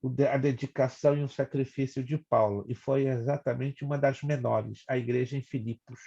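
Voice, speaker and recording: Brazilian pastor teaching on a lo-fi call. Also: male voice, mid-range voice, fairly even intonation, fairly quick, vocal fry, warm tone. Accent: Brazilian Portuguese. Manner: chatty, teasing, explains step by step. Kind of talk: online Bible class lecture. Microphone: video call. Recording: lo-fi video call audio.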